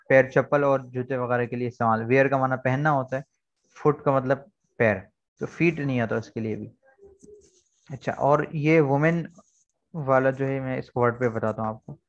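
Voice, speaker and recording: A man's voice: medium pitch, steady tone, moderate pace, dull audio. A man teaching an online English lesson, explaining words patiently and repeating key points. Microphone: video call.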